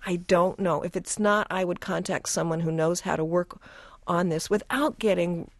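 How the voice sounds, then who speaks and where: A woman co-hosting a call-in radio pet show, giving lively behavior advice and laughing easily as she acts out scenes. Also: on the low side, normal speed, dry recording. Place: radio studio.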